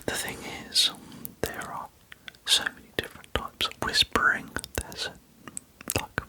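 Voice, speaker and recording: A man whispering softly into a close binaural microphone, musing aloud and asking the listener rhetorical questions. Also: unhurried. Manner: very soft whisper, sometimes barely audible. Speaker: ASMR creator. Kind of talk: ASMR whispering.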